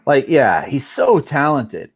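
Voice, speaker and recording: A man's voice: mid-range voice, big pitch swings, slow pace, slightly rough. A man on a comics panel, enthusiastic and rambling while showing off cover art. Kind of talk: casual panel chat.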